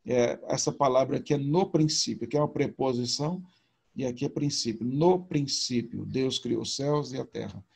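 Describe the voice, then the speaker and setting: A man's voice: medium pitch, normal speed, gravelly, darkish tone, slightly rough. A man teaching a recorded video lesson, explaining patiently and informally with repetition. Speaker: Hebrew teacher.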